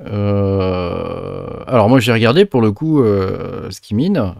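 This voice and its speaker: A man hosts a casual screen-share tutorial on crypto mining, chatty and hesitant, full of filler sounds and restarts as he guides viewers directly through each step. His voice is on the low side, expressive and slow, darkish with vocal fry, recorded in clean studio quality with no echo.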